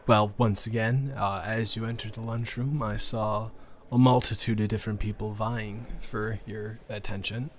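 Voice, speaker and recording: Low-ish voice, guy doing a shy awkward new kid in an audio roleplay, stammers and restarts a lot, super nervous. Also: steady tone, normal speed, few pauses, slight background noise, lightly acted. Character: anxious shy new boy at school, outcast. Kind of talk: romantic audio role-play.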